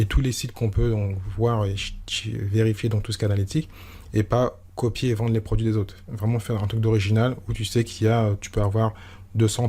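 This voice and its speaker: A man's voice: on the low side, warm tone. A man hosting a solo podcast, talking informally and rambling with many restarts and fillers. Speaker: podcast host.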